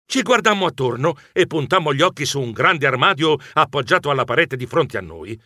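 A man narrating a children's adventure story as a bookish mouse, in his own voice, with animated delivery. His voice is bright and moves around a lot, a little higher than usual. Close, dry studio sound. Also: brisk, no echo. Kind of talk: audiobook narration.

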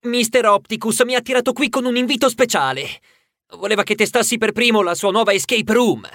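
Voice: mid-range voice, a little fast, a bit bright, no echo, clean studio sound, natural voice. A performer voicing a clever young male mouse who loves puzzles, explaining things earnestly in an audiobook. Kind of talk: audiobook character voice.

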